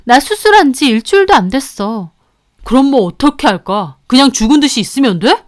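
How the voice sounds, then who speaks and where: A woman's voice: sits high, sing-song, a little fast, no room sound, clean studio sound. A woman voicing a sulky young man who snaps and accuses his girlfriend. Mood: snappish. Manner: snappish, accusing. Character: sulky, picky young boyfriend.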